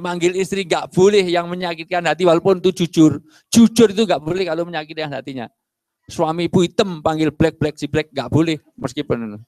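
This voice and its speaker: A middle-aged male preacher, giving a lively sermon and acting out little dialogues. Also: high voice, no room sound, studio quality. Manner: animated, acts out dialogues and jokes with the audience. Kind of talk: lively sermon to a mosque congregation.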